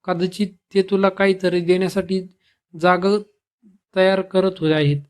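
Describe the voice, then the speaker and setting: A wise village priest offers measured counsel in a devotional storybook tale, voiced by a male narrator. The voice is high and flat in its line, and the delivery stays calm and unhurried. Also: smooth, natural voice. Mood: consoling.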